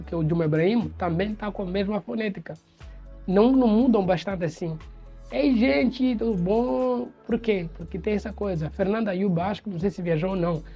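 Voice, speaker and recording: A man's voice: sits high, dark tone, dull audio. A man from Mozambique with a Mozambican Portuguese accent, giving opinion commentary on his channel in an explanatory way. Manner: explanatory, imitates accents in quoted examples.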